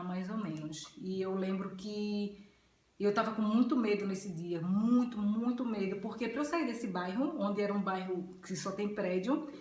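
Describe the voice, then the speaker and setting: Woman, earnest testimony, mid-pitched, echoey room. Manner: earnest, heartfelt, often ends phrases with a tag question. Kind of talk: casual spoken testimony. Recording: roomy echo.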